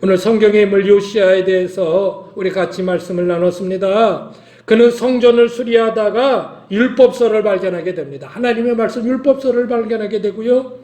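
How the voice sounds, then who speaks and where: Emphatic high-voiced pastor preaching. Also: male voice, fairly quick, dark tone, roomy sound. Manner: emphatic, repeats calls to action. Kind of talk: sermon.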